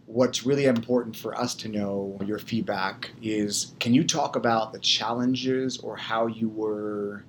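A man's voice: on the low side, steady tone, measured pace, few pauses, slight background noise. A man from Maryland, an army garrison commander, earnestly explaining points in a roundtable discussion.

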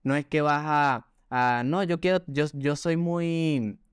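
A man's voice: fairly high pitch, slow, smooth, dry recording, clean studio sound. A man from Venezuela with an Andean gocho accent, co-hosting a casual podcast chat in an earnest, explanatory way with many restarts. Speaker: podcast co-host.

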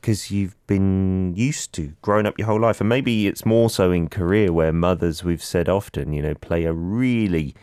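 A man's voice: sits low, normal speed, few pauses, a little mellow, smooth, no room sound, clean studio sound. A man co-hosting a casual talk about poetry, speaking in a reflective, conversational way. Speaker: podcast co-host. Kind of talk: casual chat about literature.

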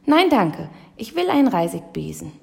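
A woman reading a children's audiobook and voicing a cheeky, adventurous little witch, her voice slightly gravelly. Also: medium pitch, moderate pace. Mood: decisive. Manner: lively and cheeky.

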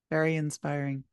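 A woman's voice: deep voice, clear, resonant tone, no room sound, studio quality. A woman, the producer of the podcast, steering the conversation in an upbeat, leisurely way.

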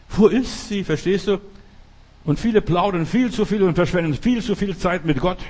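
A man's voice: fairly high pitch, a little mellow. Older man preaching a fervent sermon. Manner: emphatic, repetitive preaching with dramatic prayers. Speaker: pastor.

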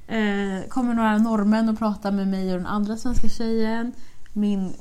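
A woman's voice: mid-range voice, clear, resonant tone. A young woman casually telling a story, acting out what she and her friends said. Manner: animated, quotes herself and friends with "jag bara".

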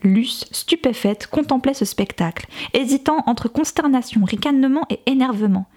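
A woman narrating an audiobook in a measured, expressive reading style. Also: sits high. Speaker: audiobook reader.

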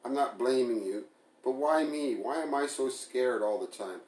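A man's voice: medium pitch, moderate pace, darkish tone, voice pushed up, natural voice. A man voicing a hurt, sarcastic young woman who confronts her partner, speaking in a pleading, bitter way. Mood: hurt, pressing. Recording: roomy echo.

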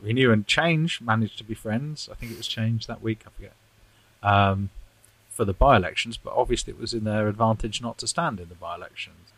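On a roughly recorded podcast, a co-host with a fairly low, fairly bright voice speaks a little fast. His casual political chat is rambling and self-deprecating, punctuated by frequent chuckles.

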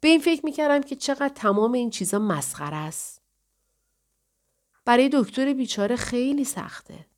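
A restless young woman with no memory and a quick temper, voiced by a woman narrator in an audiobook scene. Her lines sit a little higher than the plain narration. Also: expressive, close to an everyday voice. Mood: uneasy.

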